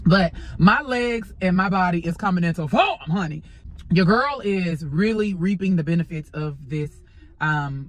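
A woman in her thirties, a fitness vlogger, chatting to camera in an upbeat, motivational way from a phone at arm's length. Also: fairly low pitch. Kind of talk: casual vlog talk to camera. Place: gym and parked car.

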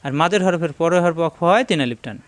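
A man teaching Quran tajweed, quickly spelling out letters and marks, then reciting verses slowly and melodiously. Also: on the high side, lively intonation, no echo.

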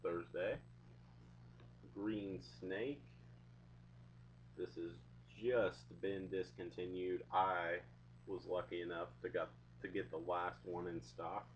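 A young man with a low voice rambles casually to his camera, taking his time between phrases. He talks in laid-back slang, like a home video blogger. The webcam sound is dull, with some hum behind him. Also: steady tone, slow, long pauses. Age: young adult. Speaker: video blogger reviewing products. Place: small indoor room at home. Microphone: webcam or laptop mic at arm's length.

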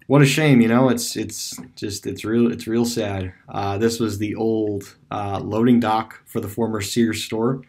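A video creator tours a closed store on street view, his voice fairly low and darkish with fairly even intonation. He talks at a measured pace with few pauses, giving rambling, casual voice-over on a screen-recorded map tour full of fillers and restarts.

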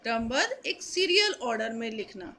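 A woman teaching a Hindi grammar lesson, slow and careful, repeating key points. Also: on the high side, big pitch swings, pushed and bright, a little hiss or hum. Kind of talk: classroom lesson.

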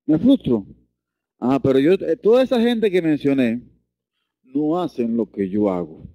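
A man's voice: very animated, a little slow, no echo, lo-fi sound. A man teaching a Reiki lesson, earnest, often repeating and restarting his words. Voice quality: deep voice. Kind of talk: online lesson.

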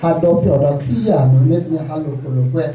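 A man's voice: fairly high pitch, fast, narrow, tinny audio. A man preaching a sermon as pastor, talking to his congregation in a conversational way. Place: church sanctuary. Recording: echoey church hall, mic far off.

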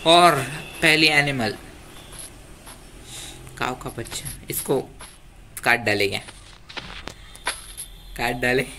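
Bright-voiced young man chatting over gameplay. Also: medium pitch. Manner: chatty, joking, pleads with viewers. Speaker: gaming YouTuber. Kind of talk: casual gameplay commentary. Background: faint ambient noise, passing traffic.

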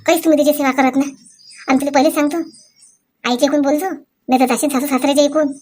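A woman's voice: sits high, fairly even intonation, quick pace, darkish tone, natural voice. A woman with a Vidarbha Marathi accent playing a bossy, quarrelsome middle-aged mother-in-law in a comedy skit, scolding and complaining. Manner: scolding, self-pitying complaints. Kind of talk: comic family skit acting.

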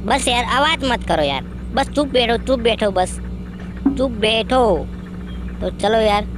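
A man's voice: very high-pitched, lively intonation, a little slow. A man voicing a boastful, bossy young man who brags and orders others around, as gaming commentary in character. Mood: impatient. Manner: bragging, impatient, bossing others around. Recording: noisy background.

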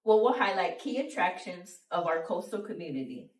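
A woman's voice: lowish voice, sing-song, normal speed. A woman co-hosting a local promotional video, reading an inviting scripted voice-over. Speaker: real estate agent host.

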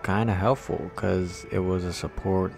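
A young man with a deep voice narrates casually as a vlogger. He recounts things in a conversational way, with music playing behind him. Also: fairly even intonation, unhurried, gravelly. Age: young adult.

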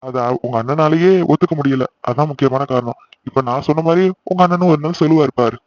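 A man's voice: fairly high pitch, fast, darkish tone, dry recording, muffled recording, close to an everyday voice. A man voicing a teasing young married man who runs an office, bantering and scolding in jest. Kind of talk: cartoon voice acting.

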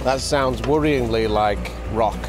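A man's voice: mid-range voice, slow, very noisy. A man in his forties chatting to a handheld camera outdoors on a rural building site, giving nervous, hopeful commentary on the work. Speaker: vlog host. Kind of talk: casual on-site vlogging. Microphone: handheld action camera at arm's length.

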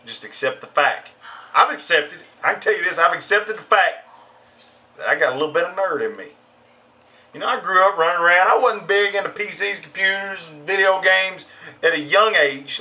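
Bright-voiced man on a heated rant. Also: high-pitched. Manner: profane, heated ranting. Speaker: gaming vlogger. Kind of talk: ranting casual vlog. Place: at home.

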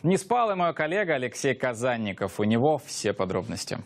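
A man's voice: medium pitch, very animated, fairly quick, noisy background. A man in his thirties reading a scripted introduction as a TV news anchor. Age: 30s. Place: TV news studio.

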